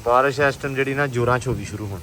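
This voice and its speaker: A man's voice: medium pitch, racing. A man with a Pakistani Punjabi accent chatting casually as a vlogger, full of exclamations and repeated phrases, speaking outdoors in a village. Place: outdoors on a village farm in windy, rainy weather. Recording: noisy outdoor recording, faint weather and vehicle noise.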